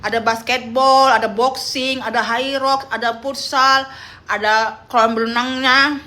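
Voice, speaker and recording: A young woman chatting on a phone livestream, telling animated stories and quoting her friends. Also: fairly high pitch, measured pace. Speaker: live streamer. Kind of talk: casual livestream chat.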